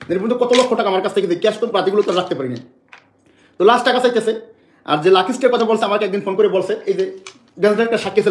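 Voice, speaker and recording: A man's voice: high voice, roomy sound. A man from Bangladesh making an emotional public statement to the press, agitated and repeating phrases over and over.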